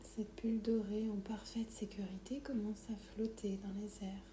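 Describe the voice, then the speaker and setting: A woman softly whispering a guided meditation in a breathy, soothing, calming way, as if right in the listener's ear. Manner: slow, calming, soothing instructions. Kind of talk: guided meditation, soft whispered ASMR-like delivery. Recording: roomy echo, low background rumble noise.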